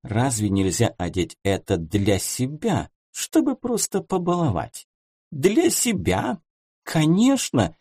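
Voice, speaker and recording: A man voicing a confident woman dressmaker who talks in a smooth, persuasive way. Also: mid-range voice, sing-song, a little slow, hardly any pauses, mellow, dry recording, clean studio sound.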